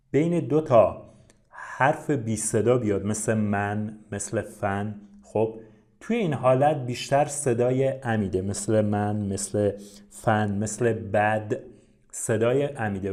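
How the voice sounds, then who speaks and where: A man's voice: medium pitch, darkish tone. A man teaching beginner English in a lesson video, patiently going through letters and their sounds one at a time. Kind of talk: Persian-language English lesson.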